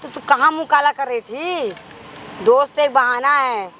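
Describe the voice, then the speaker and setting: A woman's voice: high-pitched, moderate pace, pushed and bright. A woman playing a cruel older mother-in-law, taunting and bullying her son's wife in a staged outdoor confrontation. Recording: outdoor noise, crickets and insects.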